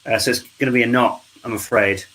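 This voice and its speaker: The male host of a charity live stream jokes, chats and teases his guests in a casual group conversation over a video call. He talks fast in a mid-range, fairly bright voice with fairly even intonation. The recording is rough.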